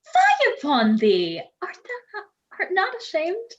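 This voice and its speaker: A woman reading the part of a young noblewoman in an amateur online play reading, in an expressive manner. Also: high voice, normal speed, highs cut off. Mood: playful. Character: young noblewoman Hero, bride-to-be.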